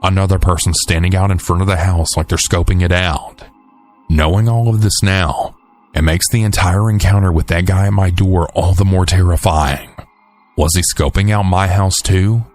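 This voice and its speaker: A man reading a first-person horror account as a scripted narration, in a calm and measured way. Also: sits low.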